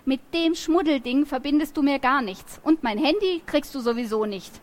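A woman reading aloud from a storybook, voicing a defiant, quick-tongued teenage girl. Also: sits high, natural voice.

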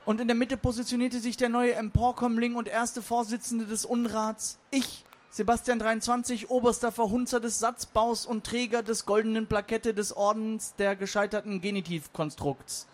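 High-voiced young man reading comic spoken word. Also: normal speed, hardly any pauses. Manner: lively, theatrical storytelling. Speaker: poetry slam performer.

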